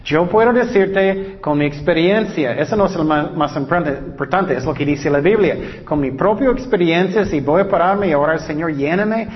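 A man preaching a sermon, repeating key words for emphasis and reading scripture slowly and deliberately. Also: on the high side, in a large hall. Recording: dull lo-fi recording.

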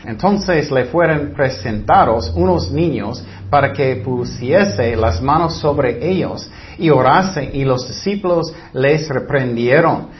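A man teaching a Bible sermon in an animated storytelling way, acting out voices as he tells it. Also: mid-range voice, slow pace, few pauses, a little hiss or hum. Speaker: preacher. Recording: dull lo-fi recording.

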